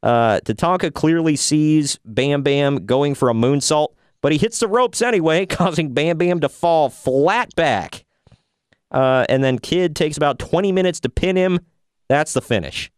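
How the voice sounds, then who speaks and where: Sarcastic man recapping, smooth voice. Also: on the high side, expressive, measured pace, dry recording, studio quality. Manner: sarcastic, rambling recaps with fillers. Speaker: podcast co-host. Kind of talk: casual review chat.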